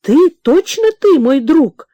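A woman's voice: sits high, very animated, slow, mellow, no echo, muffled recording, voice pushed up, exaggerated voice. A woman reading the part of an anxious, tearful older country mother, emotional and sighing. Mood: tender worry.

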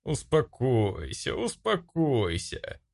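A man voicing a gentle, remorseful father in an audiobook, speaking softly and soothingly. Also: sits low, huge pitch swings, moderate pace, creaky, exaggerated voice. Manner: soft, soothing. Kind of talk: audiobook character voice.

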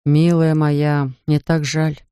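A narrator voicing a grieving father who talks softly, slowly and tenderly to his daughter. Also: flat delivery, no room sound, studio quality, natural voice. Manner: soft, low and slow, pleading. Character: grieving gentle father, a big man. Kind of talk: audiobook character voice.

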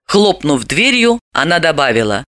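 An audiobook narrator reading a novel with expressive, animated delivery. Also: medium pitch, moderate pace, no room sound, studio quality. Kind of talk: scripted narration.

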